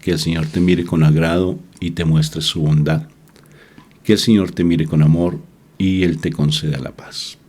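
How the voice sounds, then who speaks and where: A man with a very low, husky voice gives a calm, measured blessing. He speaks slowly and evenly. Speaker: preacher. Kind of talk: blessing and sign-off.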